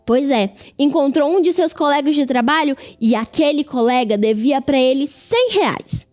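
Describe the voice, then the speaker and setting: A Brazilian woman telling a Bible story to children, animated and speaking to them directly. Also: sits high, normal speed, faint music behind.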